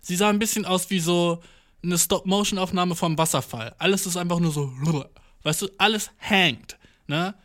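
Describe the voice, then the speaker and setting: A man's voice: sits high, normal speed, fairly bright tone. Slangy young man telling a rambling story. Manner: slangy, mixes English words, swears, rambling anecdotes. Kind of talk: casual storytelling monologue.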